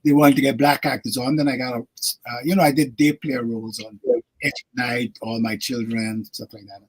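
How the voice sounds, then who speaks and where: Older man with a husky voice. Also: mid-range voice, fairly even intonation, moderate pace. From Guyana. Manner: reflective, laughs often, many fillers. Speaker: actor and guest. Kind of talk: radio interview storytelling.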